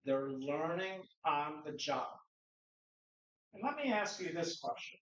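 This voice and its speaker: This male conference presenter from Norway, a native Norwegian speaker, has a slightly high, fairly bright voice with a sing-song, slow delivery. He lectures conversationally with rhetorical questions, captured by a distant mic in an echoey, roomy conference hall that makes the sound dull.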